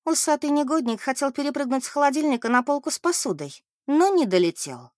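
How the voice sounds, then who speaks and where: A woman narrating a novel aloud in an expressive, measured way. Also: high-pitched, dry recording, studio quality.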